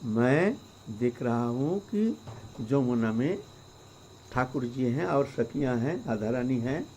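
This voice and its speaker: A man acting out the words of an elderly saint in a sermon story, raised and animated. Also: medium pitch, slow, a little hiss or hum.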